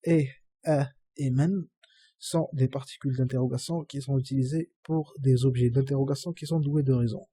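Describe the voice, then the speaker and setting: A man teaching a lesson, patiently repeating each phrase slowly. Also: mid-range voice, steady tone, warm tone, breathy edge, dry recording. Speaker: Arabic teacher. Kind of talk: slow classroom explanation.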